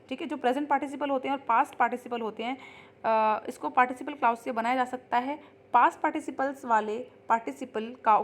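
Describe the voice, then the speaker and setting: A woman teaching English grammar in an online lesson. She explains in Hindi, reads the English example sentences slowly and keeps checking in with her students. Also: fairly high pitch. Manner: repeats ठीक है as a check-in.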